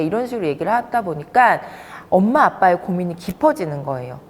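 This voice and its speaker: A woman counselor lectures to fathers and tells her stories with plenty of emphasis. Her voice swoops up and down a lot. It echoes off a room, and a faint rumble sits underneath. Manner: warm storytelling with lively emphasis. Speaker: child development counselor.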